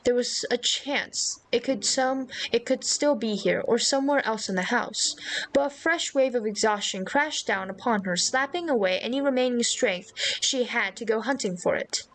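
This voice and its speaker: A woman's voice: fairly high pitch, normal speed, rough recording. A young adult woman streaming, reading visual novel narration aloud and breaking off into chatty asides to her viewers. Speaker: vtuber streamer.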